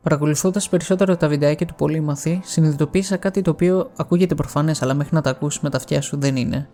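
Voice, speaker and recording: A man's voice: fairly high pitch, dark tone. A man from Greece narrating a scripted video essay in a wry, explanatory manner.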